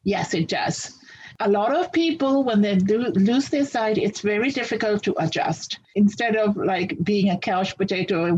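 A woman's voice: medium pitch, darkish tone, breathy edge, dull audio. A woman from Fiji answering interview questions in a practical, upbeat way. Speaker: interview guest.

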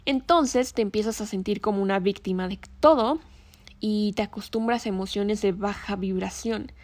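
A woman hosting a reflective self-help talk, speaking gently and conversationally and asking her listener questions. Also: mid-range voice, moderate pace, dry recording. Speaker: podcast host.

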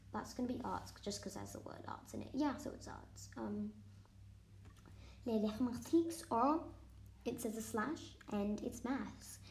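A chatty young woman talks through her guesses out loud and now and then slips into a whisper. Her voice sits a little high with a mellow tone, and an echoey room surrounds it. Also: slight background noise. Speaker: student. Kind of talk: casual vlog, quizzing herself on vocabulary.

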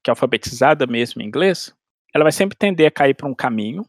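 An animated, fast-talking man with a medium-pitched voice discusses language learning as an expert guest in a casual chat. Frequent restarts break up his everyday analogies and acted-out inner dialogue. The sound is clean studio audio without echo.

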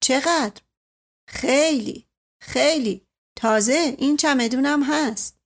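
A woman reading the part of a kindly, mysterious man in his fifties in a storybook, who talks calmly and reassuringly. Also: sits high, slight background noise, pitched above the performer's own voice, lightly acted. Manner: calm, gently reassuring.

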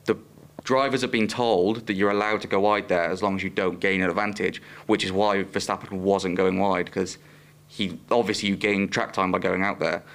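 A man's voice: low-pitched, little pitch movement, moderate pace, creaky, a bit bright. A young Welsh man co-hosting a podcast, casually explaining things in a laid-back way. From Wales. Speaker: podcast co-host.

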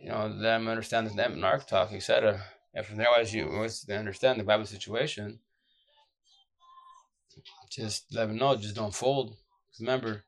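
A man with a deep, groggy, exhausted voice giving casual, blunt relationship advice off the cuff in slangy, repetitive phrases. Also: a bit bright. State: exhausted, short of sleep. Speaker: social media advice streamer.

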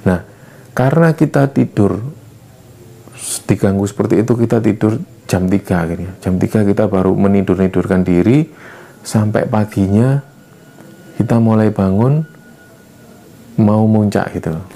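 A man's voice: normal speed, gravelly, pauses often. A young man casually recounting a ghost story, lifting his voice to act out the dialogue. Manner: lively retelling, acting out dialogue with raised pitch.

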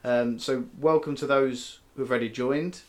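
A man's voice: mid-range voice, fairly even intonation, moderate pace. A man co-hosting a casual sports podcast, chatty and self-mocking with many fillers. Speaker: podcast co-host.

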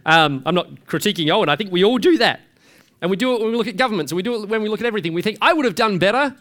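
A man delivering a sermon in a chatty, searching way, with his voice sitting a bit higher than most men's. He keeps asking the listeners questions and trips over his words as he restarts. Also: very fast, a bit bright. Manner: conversational, with frequent restarts and rhetorical questions. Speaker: pastor.

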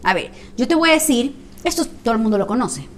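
A woman's voice: a little high, sing-song, fast, a little hiss or hum. A woman in casual chat who chimes in and teases, laughing along.

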